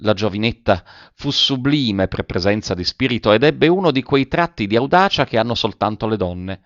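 A man with a lowish voice reads a literary story aloud in a measured, even manner. The recording is dry with no room sound, and slightly dull in tone. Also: dry recording. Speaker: narrator. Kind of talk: scripted literary narration.

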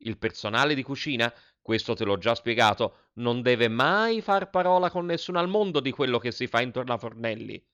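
A man's voice: medium pitch, lively intonation, a little fast, hardly any pauses, a bit bright, lo-fi sound. Man doing a blunt, coarse school cook. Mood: bossy. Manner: blunt, scolding. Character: coarse, cynical middle-aged male school cook.

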